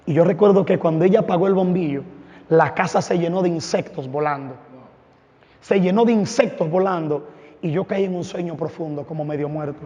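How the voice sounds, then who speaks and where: A man's voice: fairly high pitch, brisk, mellow. A man giving a fervent, dramatic testimony from a church stage. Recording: echoey hall, dull lo-fi sound.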